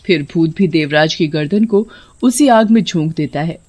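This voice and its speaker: A woman's voice: low voice, normal speed, a little mellow. Woman narrating a cartoon horror story.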